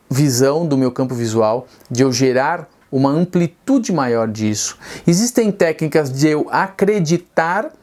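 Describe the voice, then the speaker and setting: A man's voice: mid-range voice, darkish tone. Earnest persuasive male reading instructor. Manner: earnest and persuasive, rhetorical questions. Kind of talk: direct-to-camera teaching.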